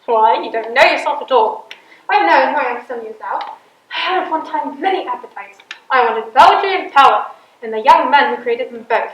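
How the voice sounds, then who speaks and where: Casting: female actor for older medieval queen, high-pitched, regal, wry manipulator in period drama, roomy sound. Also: expressive, moderate pace, fairly bright tone, highs cut off. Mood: intense, manipulative. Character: proud, cunning older imprisoned queen and mother. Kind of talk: theatrical period drama monologue and dialogue. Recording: echoey room, audible background noise.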